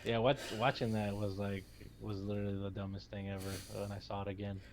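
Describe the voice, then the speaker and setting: A man with a somewhat low voice chats casually on a live stream. He rambles, restarts his sentences and breaks into playful impressions. Faint noise sits behind him. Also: level tone, quick pace. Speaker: stream co-host. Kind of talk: casual chat.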